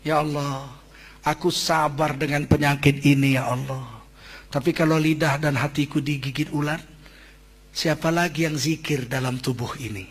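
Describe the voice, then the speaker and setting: A male preacher voicing a patient, gravely ill old prophet who speaks calmly and pleads in prayer. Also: a little high, normal speed, voice pushed down. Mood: pleading.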